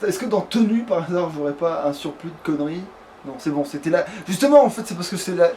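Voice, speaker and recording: Fast and mellow with lively intonation, a slightly high male voice carries this casual gaming chat. As a let's play host he talks and mutters to himself, swearing as he plays, on a home recording with clear background noise.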